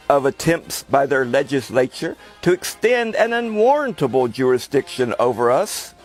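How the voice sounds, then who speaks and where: Slow, higher-voiced man reciting formally. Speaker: horror host. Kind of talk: formal recitation of a historical document.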